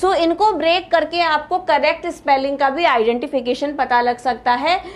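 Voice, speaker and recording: A woman's voice: sits high, fairly even intonation, moderate pace. A woman with an Indian accent teaching an exam-prep English lesson, explaining step by step and checking in with her students.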